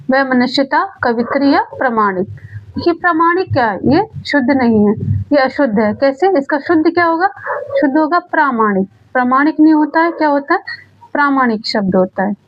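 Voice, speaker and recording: High-voiced woman teaching, dull lo-fi sound. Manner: asks a question, then answers it herself; repeats key words slowly. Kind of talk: exam-prep grammar lesson.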